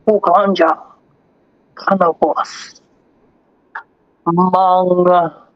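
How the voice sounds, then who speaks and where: A man hosting a livestream, rambling loudly and swearing freely, with frequent laughs and a rowdy way of calling out to viewers. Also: fairly high pitch, dry recording, muffled recording. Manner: rambling and profane, laughs often. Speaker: livestream host. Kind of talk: casual livestream chat.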